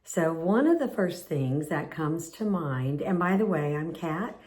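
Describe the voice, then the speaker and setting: An older woman, a nurse and vlog host, telling stories in a casual, meandering way with a hoarse voice. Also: deep voice, lively intonation, a little slow, a little mellow. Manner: chatty, meandering, with fillers.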